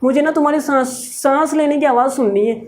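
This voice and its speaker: A man's voice: extremely high pitch, quick pace. A man voicing a lovesick young man who begs his girlfriend not to hang up the phone. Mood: whiny. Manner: whiny, insistent.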